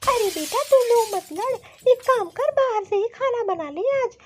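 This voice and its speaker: A woman's voice: very high voice, animated, unhurried, a little hiss or hum. Woman voicing a sly nagging Indian mother. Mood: coaxing. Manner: sarcastic, nagging. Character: scheming middle-aged mother-in-law, sly and motherly. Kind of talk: cartoon voice acting.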